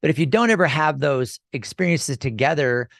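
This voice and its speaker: A man's voice: a little high, lively intonation, normal speed, a bit bright, no room sound. Middle-aged male radio host, dry studio sound. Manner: rambling, with restarts and repeated words. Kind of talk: casual radio interview chat.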